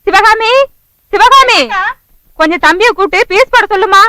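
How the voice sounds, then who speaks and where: An exasperated wife who nags and scolds without letup in a film comedy. Her voice is very high and bright, recorded dry and close. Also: moderate pace, no room sound. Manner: nagging, scolding.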